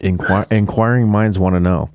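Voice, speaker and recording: A man's voice: low-pitched, fairly even intonation, normal speed, a little mellow, clear, resonant tone, dry recording. A man hosting a casual podcast, teasing his friends and steering the talk. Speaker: podcast host. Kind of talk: casual banter.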